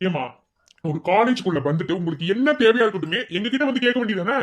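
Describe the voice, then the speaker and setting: Guy voicing a bossy cartoon principal, very high, rapid nagging. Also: lively intonation. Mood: stern. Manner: lecturing, scolding. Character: strict scolding male college principal.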